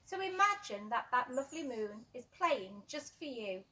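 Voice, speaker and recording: A woman's voice: high-pitched, big pitch swings, moderate pace, sharp tone, distant mic, heavily acted, poor audio. A woman voicing a small, wise, encouraging cricket in a children's storybook read-aloud. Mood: gently encouraging. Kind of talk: picture-book read-aloud.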